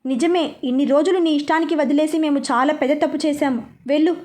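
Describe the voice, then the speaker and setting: A woman's voice: sits high, steady tone, brisk, a little mellow, lightly acted. A woman voicing a stern older man heading the family, giving firm commands.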